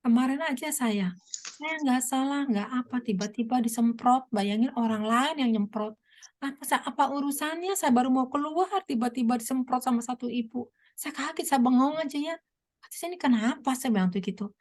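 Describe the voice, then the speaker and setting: A woman evangelist preaching a sermon with a hoarse voice, telling stories and asking the listeners many rhetorical questions. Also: high voice, normal speed. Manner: animated storytelling, frequent rhetorical questions. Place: online meeting.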